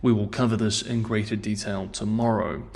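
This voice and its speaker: A man hosting a scripted news analysis show in a measured presenter's delivery, recorded on a mic in a meeting room with imperfect acoustics. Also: on the low side, level tone, vocal fry, a little mellow.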